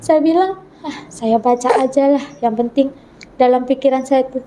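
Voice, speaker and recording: Wanita bersuara tinggi yang bercerita dengan sungguh-sungguh. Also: female voice, high voice, normal speed, warm tone, rough recording. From North Sulawesi, Indonesia. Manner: earnest storytelling, acting out remembered dialogue. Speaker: guest telling her conversion story. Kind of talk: personal testimony in an interview.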